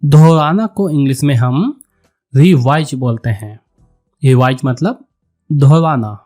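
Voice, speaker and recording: A man teaching a vocabulary lesson, saying each word and then repeating it slowly and deliberately. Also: mid-range voice, a little mellow, soft background music. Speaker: English teacher.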